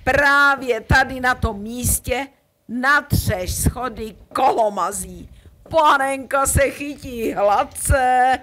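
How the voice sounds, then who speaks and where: A woman's voice: high voice, fairly bright tone. A woman playing a lovesick, eager young prince, declaiming poetic verse in a puppet play. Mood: eager, commanding.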